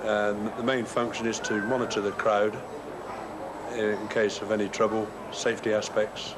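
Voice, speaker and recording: A male police officer with a lowish voice explains his job in formal, official terms. He is being interviewed outdoors, and the old worn tape carries heavy noise around him. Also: little pitch movement, normal speed. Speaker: police officer operating surveillance camera.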